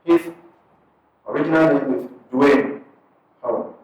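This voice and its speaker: A Ghanaian man, an imam and parish missionary, addresses an audience at a community event in a very echoey hall, standing far from the mic. His mid-range voice is steady and a little mellow, with the highs cut off. He talks in an unhurried, conversational way, breaking his phrases into short pieces.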